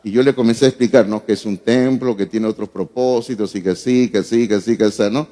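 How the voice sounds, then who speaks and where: A man's voice: on the low side, fairly even intonation, a little fast, warm tone, long reverb tail. A man, a pastor, preaching a sermon with rhetorical questions and everyday anecdotes. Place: church.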